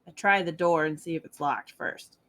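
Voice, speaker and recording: A woman's voice: low-pitched, normal speed, fairly bright tone, no room sound. A woman playing a tabletop game, speaking hesitantly and tentatively. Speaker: player. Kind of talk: casual tabletop play.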